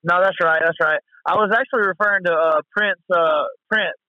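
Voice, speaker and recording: Higher-voiced bro-ish guy, dull recording. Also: brisk, dry recording. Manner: bro-ish slang, enthusiastic, repeats himself. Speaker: co-host of a sports talk show. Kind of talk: casual sports chat.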